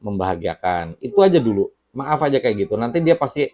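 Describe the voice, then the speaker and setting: A man talking casually to camera in a small home studio, giving relaxed, unhurried advice with many fillers and pauses. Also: mid-range voice, lo-fi sound. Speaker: channel host sharing debt advice. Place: small home studio with children heard nearby.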